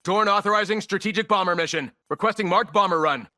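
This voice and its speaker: Quick and high-pitched, with a pushed, bright tone, this man voices a cold, contemptuous military operator in a shooter game. The character is ruthless and arrogant, issuing clipped, commanding callouts in combat.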